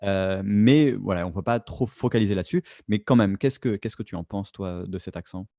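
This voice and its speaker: A man's voice: fairly low pitch, normal speed, dark tone, dry recording. A man co-hosting a casual podcast, thinking aloud and often restarting his phrases. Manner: reflective, restarts phrases, many fillers. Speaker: podcast co-host.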